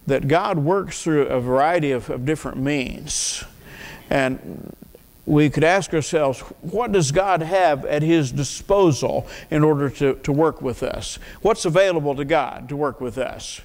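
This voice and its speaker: Older male pastor, slightly high voice, earnest pulpit sermon, church hall reverb. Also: unhurried, a little mellow. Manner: earnest, asks the congregation questions, repeats words. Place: church sanctuary, at a wooden pulpit. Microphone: pulpit mic.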